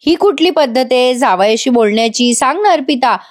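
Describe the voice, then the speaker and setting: Woman doing an aggrieved middle-aged man, complaining, resentful, fairly high voice. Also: lively intonation, brisk.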